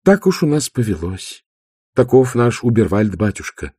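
A man's voice: on the low side, big pitch swings, moderate pace, warm tone, slightly rough, no room sound, clean studio sound. Man doing a stern, curt eldest sister. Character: eldest sister, stern unbending older woman. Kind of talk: audiobook character voice.

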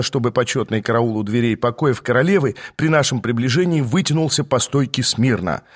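A man narrating an audiobook in the first person, with a dry, measured storytelling delivery. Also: mid-range voice. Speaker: audiobook reader.

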